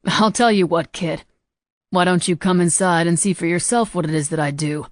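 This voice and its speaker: In an audiobook, a woman voices a teasing, cocky young man with a slight Southern US drawl, lightly acted. Her voice sits on the low side at a moderate pace, in studio quality with no room sound.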